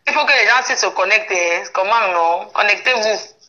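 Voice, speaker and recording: A woman's voice: mid-range voice, a little fast, pushed and bright. A woman hosting a casual live stream on her phone, chanting and exuberant, slipping into pidgin. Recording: echoey room, dull lo-fi phone sound.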